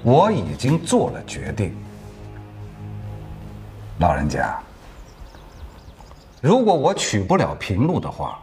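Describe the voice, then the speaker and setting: Smooth menacing official, mock-polite, pitch all over. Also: male voice, huge pitch swings, slow pace, pauses often, a little mellow, soft background music, full character voice. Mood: threatening. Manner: mocking, falsely polite. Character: suave menacing middle-aged official. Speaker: powerful official. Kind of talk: TV drama acting.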